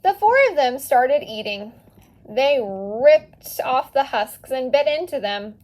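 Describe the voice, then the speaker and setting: A woman with a fairly high voice reads a storybook aloud for children. Her delivery is expressive and animated, with dramatic pauses for emphasis. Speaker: teacher reading a storybook aloud. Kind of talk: animated children's read-aloud with casual asides.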